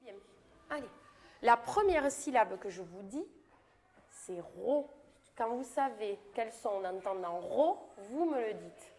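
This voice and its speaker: A woman's voice: fairly high pitch, animated, slow pace, darkish tone. A woman teaching kindergarten children, patiently drawing out speech sounds and encouraging each child. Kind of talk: classroom instruction with young children. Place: kindergarten classroom.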